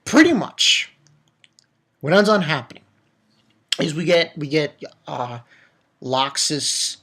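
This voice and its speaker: A man with a fairly high, bright, forceful voice and lively intonation speaks slowly as host of a manga review video. His casual, off-the-cuff review and recap is unscripted, blunt and emphatic, a rant full of free swearing that rambles through repeated false starts.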